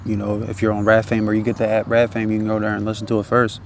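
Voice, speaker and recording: A man's voice: fairly low pitch, monotone, fast talker, a little hiss or hum. A man chatting casually in a loose, laid-back stoner drawl, rambling with slang and swearing. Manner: slangy, swearing, repeats tag phrases. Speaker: independent music artist.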